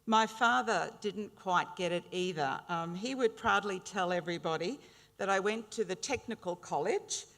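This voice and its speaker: In a reverberant graduation hall, a middle-aged Australian woman speaks formally to the ceremony. Her medium-pitched voice moves at a measured pace as she shares warm anecdotes with a humorous touch.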